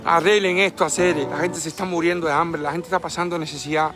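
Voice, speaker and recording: Cuban man, high-pitched, fast, emotional pleading, clear music underneath the clip. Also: steady tone. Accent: Cuban Spanish. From Cuba. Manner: pleading, emotional, repeats address words. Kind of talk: impassioned plea in a video clip. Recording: clip with music playing behind.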